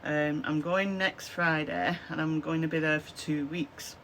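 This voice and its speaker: A chatty craft vlogger in her fifties from Lancashire, England, speaking with a Lancashire accent, rambles to a desk camera in close framing from her small craft room, full of "um, so yeah" fillers in a casual to-camera vlog. She has a chesty cough and a hoarse, low voice, fairly even intonation, a measured pace and a fairly bright tone. There is a little hiss or hum.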